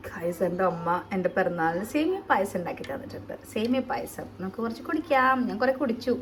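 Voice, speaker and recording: A woman's voice: mid-range voice, very animated, brisk, noisy background. A woman in her thirties chatting casually to camera at home as a family vlogger, rambling along with many hesitant filler sounds. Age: 30s.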